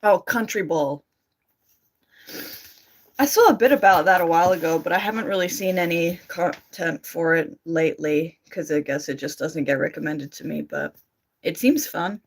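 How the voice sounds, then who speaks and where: A woman with a fairly low voice, speaking at a normal pace, answers comments on a livestream. Her Australian accent carries an American tinge, and she chats casually and pokes fun at herself. She streams and does amateur voice acting.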